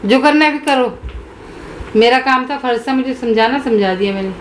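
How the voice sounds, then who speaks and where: A woman's voice: on the high side, normal speed, a little hiss or hum, lightly acted. A woman playing a stubborn, defensive mother-in-law who argues and talks over others in a family drama skit.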